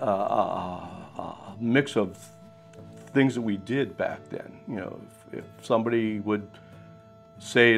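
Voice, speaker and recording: A man in his sixties from Pennsylvania, recalling his life in a relaxed, rambling way in a documentary interview. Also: fairly low pitch, vocal fry. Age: 60s.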